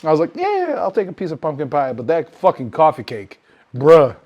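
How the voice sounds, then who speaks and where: A man's voice: a little high, brisk, highs cut off. A man co-hosting a podcast, rambling through stories in casual chat, cursing often. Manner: swears a lot, rambling and loose; animated when telling stories. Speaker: podcast co-host.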